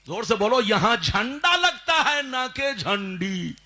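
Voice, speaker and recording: A man preaching to a live religious gathering in a high, bright, ringing voice. He speaks slowly and deliberately, drawing out his phrases. He keeps pushing the crowd to answer loudly and drifts into a sung chant at key lines. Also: sing-song. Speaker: Islamic preacher.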